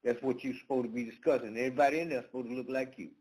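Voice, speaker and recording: Talking to camera on his own channel, a man walks his viewers through a topic in a loose, casual monologue. His medium-pitched, darkish voice stays steady, but his delivery is halting, full of fillers and restarts, and the recording is rough.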